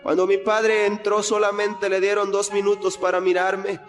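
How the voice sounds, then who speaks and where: High-voiced man giving an earnest testimony. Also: completely flat delivery, moderate pace. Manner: earnest, retelling with repeated phrases. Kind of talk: spoken religious testimony. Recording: long hall reverb with faint music.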